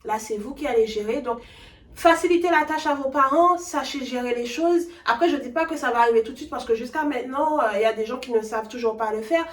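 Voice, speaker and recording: A woman's voice: high voice, fast talker. A young woman from the French Antilles with a Caribbean French accent, co-hosting a talk show and giving casual advice, laughing often and restarting her sentences. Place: living room, on a sofa. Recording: echoey room, mic far off.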